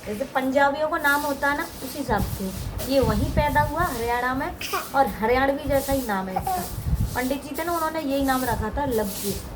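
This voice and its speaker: A young woman with a sore, hoarse throat, chatting casually through her village vlog, coaxing and scolding family and kids. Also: high-pitched, normal speed, noisy background. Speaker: village vlogger. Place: outdoors in a village, farmyard and lanes.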